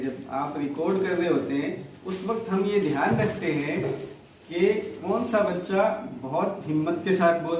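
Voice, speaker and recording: A man talking to children about how their speeches are judged, explaining slowly and asking the children questions as he goes. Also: high voice, darkish tone, a little hiss or hum. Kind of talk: teaching talk to children. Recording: very echoey hall, from far off.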